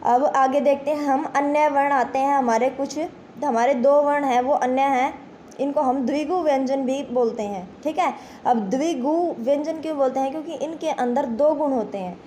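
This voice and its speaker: A woman's voice: high-pitched, moderate pace, dark tone, a little hiss or hum. A woman teaching a grammar lesson to exam students, explaining step by step, asking questions and answering them herself. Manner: addresses pupils as children, repeats "ठीक है".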